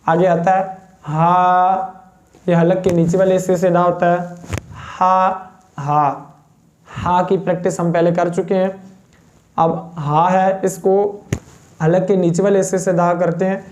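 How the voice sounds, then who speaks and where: A man's voice: high-pitched, flat delivery, darkish tone, slight background noise. Patient man teaching pronunciation. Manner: patient, demonstrates each letter sound slowly. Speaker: Quran recitation teacher. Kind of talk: step-by-step pronunciation lesson.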